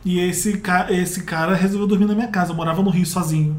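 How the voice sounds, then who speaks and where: Man, podcast host, high voice, rapid talk, animated storytelling, echoey room. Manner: animated storyteller, acts out quoted dialogue. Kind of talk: casual podcast chat, reading listener letters. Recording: echoey room with faint background noise.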